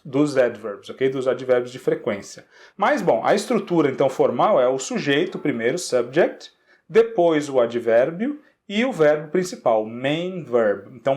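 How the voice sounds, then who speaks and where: Lively Brazilian man teaching English grammar. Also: on the high side. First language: Portuguese. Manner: slows down to model English example sentences, repeats with tag questions. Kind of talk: lesson explaining grammar.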